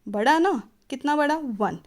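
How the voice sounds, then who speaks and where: A woman teacher with an Indian accent explaining a maths lesson, slow and careful in English and switching to quick Hindi asides. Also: high-pitched, animated.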